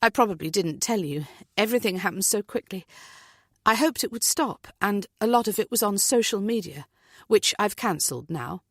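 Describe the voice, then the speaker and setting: A woman's voice: mid-range voice, expressive, normal speed, a bit bright, no echo, studio quality, pitched above the performer's own voice. A woman voicing a rattled woman who speaks in a worried, apologetic way. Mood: anxious. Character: anxious woman, rattled lottery winner.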